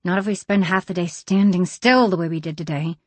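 A woman reading an audiobook, voicing a sharp-tongued, impatient young woman. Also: on the low side, fairly quick, dry recording, natural voice.

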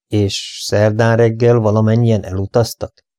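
A man reading an audiobook, playing a dry, measured older detective who asks careful questions. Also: fairly low pitch, flat delivery, warm tone, dry recording, close to an everyday voice.

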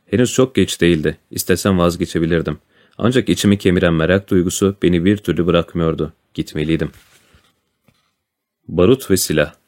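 A man reading a classic adventure story aloud as a narrator, in a calm, even storytelling manner. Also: low-pitched. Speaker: audiobook narrator. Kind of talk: storybook narration with voiced dialogue.

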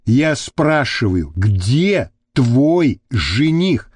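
A man's voice: medium pitch, very animated, extremely slow, a little mellow, slightly rough, exaggerated voice. A man reading the part of a rude, brutish thug who growls and snaps at people. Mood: gruff. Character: rough brutish male thug, quick to snap.

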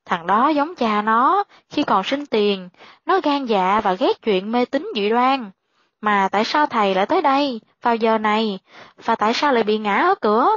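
A woman voicing a frightened, sharp-tongued widowed mother in a storybook, with tense, clipped speech. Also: a little high, lively intonation, moderate pace, dry recording, dull audio. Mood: guarded.

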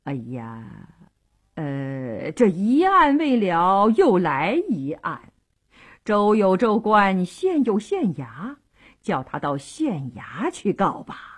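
A woman voicing a timid, evasive senior male official who speaks in a low, grumbling, reluctant way. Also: big pitch swings, slow, breathy edge, exaggerated voice.

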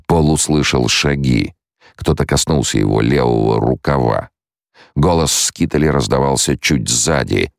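Male audiobook narrator, measured delivery, very low pitch with some gravel. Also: lively intonation, no echo, studio quality. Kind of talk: scripted narration.

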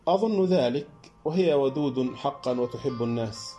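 A man's voice: mid-range voice, lively intonation, normal speed, mellow, soft background music, voice pushed up, lightly acted. A man voicing an earnest middle-aged man who eagerly reassures his friends in an audiobook reading. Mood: eager, reassuring.

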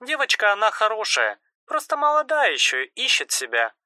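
A man voicing an affectionate, fussing mother on the phone, in an audiobook. The voice is soft and bright, with lively, rising intonation. The recording is dry and close. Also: high-pitched, normal speed, no echo, pitched above the performer's own voice, full character voice. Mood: fond, fussing. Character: caring, chatty middle-aged mother on phone. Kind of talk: audiobook narration.

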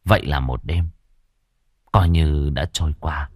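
A man narrating a fantasy story as an audiobook reader, in an expressive storytelling manner. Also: extremely low pitch, a little slow, slightly rough, no echo, clean studio sound.

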